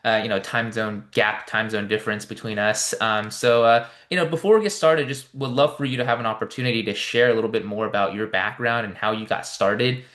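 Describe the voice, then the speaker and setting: A man's voice: lowish voice, steady tone, a little fast, few pauses, fairly bright tone. Guy hosting a podcast, keeps saying you know, roomy echo. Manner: rambling, lots of "you know" fillers. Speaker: podcast host. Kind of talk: interview hosting. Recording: echoey room.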